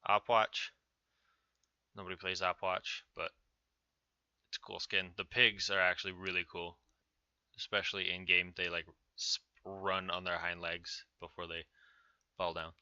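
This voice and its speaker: Deep-voiced man, casual gaming commentary. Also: little pitch movement, unhurried, pauses often, sharp tone, clear, resonant tone, no echo. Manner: informal, offhand. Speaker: gaming video host. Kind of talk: casual patch notes commentary. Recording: dull, narrow-band sound.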